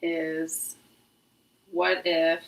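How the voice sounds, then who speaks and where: An American woman in her thirties livestreams from her home kitchen, chatting casually, self-deprecating and talkative, sometimes dropping to a whisper to test her mic. Her low, creaky voice is completely flat, with drawn-out words, picked up by a phone with a clip-on mic.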